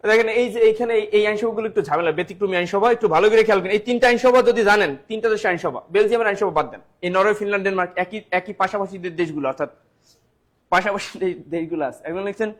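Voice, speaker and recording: A high-pitched man runs a live online exam-prep class. He fires questions at viewers, repeats each answer several times and calls out commenters by name. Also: fast. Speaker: teacher.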